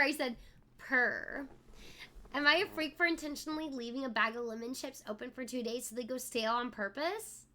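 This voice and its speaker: A woman's voice: high-pitched, pushed and bright. A young woman streaming live, chatting playfully with her viewers and reading their messages aloud in a sing-song way. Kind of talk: casual live-stream chat.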